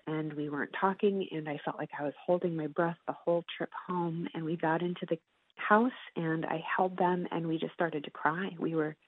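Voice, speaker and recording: A woman guest, a psychology professor and author, telling a personal story in an earnest, measured way with long pauses. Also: sits low, no room sound. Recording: tinny phone-like line, dry.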